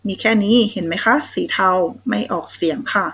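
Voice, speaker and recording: Sounding out letters individually and praising the kids, a young Thai woman leads a slow, patient English phonics lesson. Her voice sits on the low side, a bit bright and slightly rough, and she speaks fairly quickly. The recording is rough.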